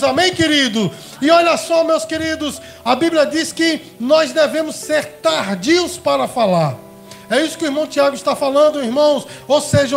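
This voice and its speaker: A man's voice: very high voice, vocal fry. A man preaching a sermon as pastor, calling his listeners brothers and beloved and asking them questions.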